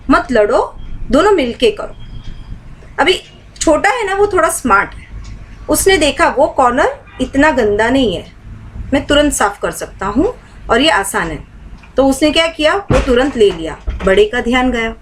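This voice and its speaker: A woman's voice: high voice, a bit bright, poor audio. Woman teaching a live meditation class. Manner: asks the class many rhetorical questions. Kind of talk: live online class talk.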